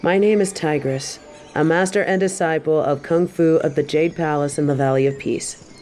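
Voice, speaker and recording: Woman playing mellow-voiced Master Tigress, composed kung fu tigress. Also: sits low, soft background music, natural voice. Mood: calm, formal. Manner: measured, composed, speaking directly to the listener. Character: stern, warm-hearted female tiger kung fu master. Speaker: voice actor in a fan roleplay audio. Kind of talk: scripted roleplay addressed to the listener.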